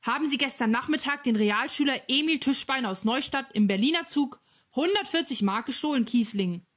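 A woman voicing a gruff, curt male police sergeant asking official questions in a storybook reading. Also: high-pitched, lively intonation, normal speed, fairly bright tone, pitched above the performer's own voice. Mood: stern.

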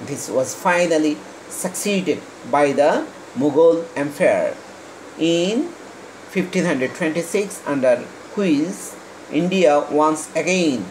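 A man from Bangladesh teaching an English lesson, reading English lines slowly and explaining quickly in Bengali. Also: fairly high pitch, slight background noise, low-quality recording.

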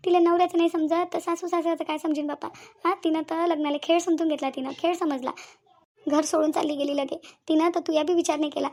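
Cartoon mother, middle-aged and aggrieved, voiced by a woman, rattling off quick gravelly laments. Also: high voice, darkish tone. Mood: complaining. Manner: whiny, rapid lamenting. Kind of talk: cartoon voice acting.

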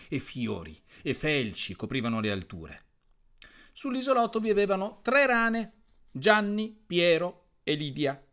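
A priest reading a bedtime story aloud to listeners, telling it expressively with big swings in pitch and loudness. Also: male voice.

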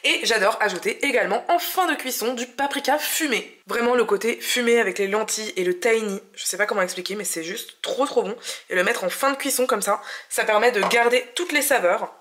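A young woman with a fairly high voice talks through a recipe in her home kitchen. She sounds chatty and enthusiastic, explaining each step as she goes. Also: brisk, a bit bright. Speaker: cooking channel host. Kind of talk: casual cooking vlog narration.

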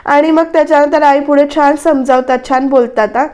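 A woman's voice: sits high, fairly even intonation, a little fast, darkish tone. A woman giving a voice-over recap of a TV serial episode, retelling scenes and quoting the characters' lines in a conversational way. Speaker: TV serial reviewer.

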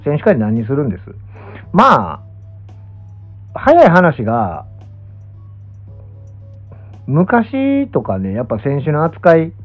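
A man's voice: on the high side, wildly swooping pitch, slow, pauses often, faint music behind. A young man with a Kansai accent chatting casually on a livestream, musing hesitantly and trailing off. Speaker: pro gamer and streamer. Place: small indoor room, lying down. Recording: muffled, thin phone-like audio.

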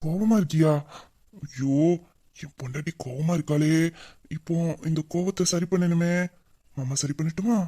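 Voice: medium pitch, normal speed, pauses often, dark tone, natural voice. Someone voicing a tender, longing young husband. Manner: emotional, intimate, endearing. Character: young husband missing his wife, tender and brooding. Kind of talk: audio drama acting.

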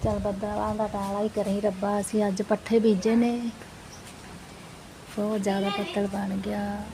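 A woman's voice: mid-range voice, little pitch movement, measured pace. A woman in her thirties with a Punjabi accent, narrating a casual home vlog in a chatty, homely way, addressing viewers with polite tags. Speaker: family vlogger, mother. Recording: clear background noise, home ambience.

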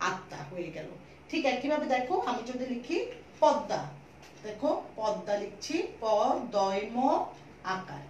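A fairly high-voiced woman teacher with a Chittagonian Bangla accent walks students through a lesson, repeating each rule slowly and patiently. She sounds a little distant from the mic. The room is echoey, with a faint hiss behind her. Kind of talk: online school lesson.

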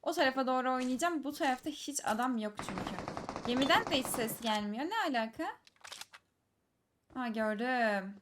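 A woman giving live commentary over her own mobile shooter match, teasing enemy players and breaking into excited shouts. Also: sits high, normal speed, background noise. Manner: teasing, talks to enemies, bursts of excited shouts. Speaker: gaming streamer. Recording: loud gunfire game audio behind. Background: game gunfire and clicks.

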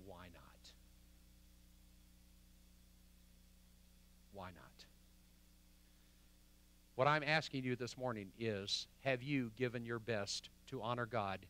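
Guy preaching a sermon in church, bright voice, gets loud then drops real quiet for quotes. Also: medium pitch. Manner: preaching with wide swings from loud emphasis to hushed quotes. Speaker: pastor. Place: church sanctuary.

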